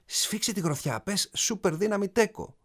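A man voicing a calm, encouraging father who speaks gently and playfully to his young son in a spoken story. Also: sits high, pitched above the performer's own voice.

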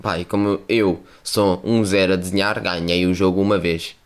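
A man's voice: deep voice, fairly even intonation, moderate pace, smooth. A young man with a European Portuguese accent, hosting a solo podcast in a casual, rambling way, full of slang and swearing. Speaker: podcast host.

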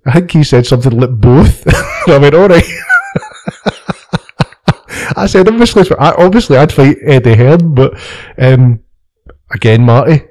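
Male podcast host, warm relaxed tone, loose sweary banter, frequent laughs. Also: mid-range voice. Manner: laughs often, stumbling restarts, swears freely. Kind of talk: casual chat.

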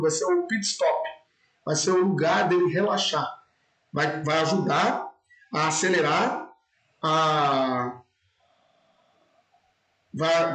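A man's voice: sits high, reverberant, low-quality recording. A man with a Brazilian Portuguese accent, a dog trainer giving an emphatic instructional talk straight to the viewer and often checking that they follow. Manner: emphatic, addresses the viewer directly with repeated checks.

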